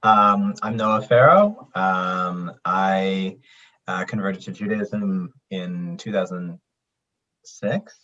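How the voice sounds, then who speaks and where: A man with a very deep yet bright, forceful voice introduces himself on a podcast. He hesitates often and fills gaps with ums and uhs. The sound comes through a dull, lo-fi call line. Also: takes it slowly. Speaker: rabbi, co-host. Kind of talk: casual podcast self-introduction.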